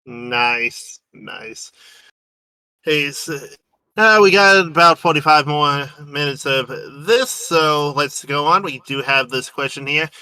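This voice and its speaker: A man's voice: on the high side, takes it slowly, pushed and bright, clear, resonant tone, no echo. A man hosting a casual online panel, talking hesitantly with many fillers and restarts. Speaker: panel host.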